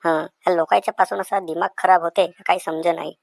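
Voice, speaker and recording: A defensive, grumbling village mango seller, as a man voices him, talks in a sing-song Vidarbha Marathi lilt at a mid pitch. The cartoon voice sounds close and dry. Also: little pitch movement, fast, creaky, dry recording. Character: cheerful singing village mango seller Diwakar.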